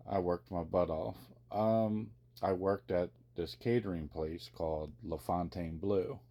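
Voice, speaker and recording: A man's voice: low voice, mellow. A man telling personal stories to viewers in a casual, rambling, conversational way, like a vlogger sharing memories.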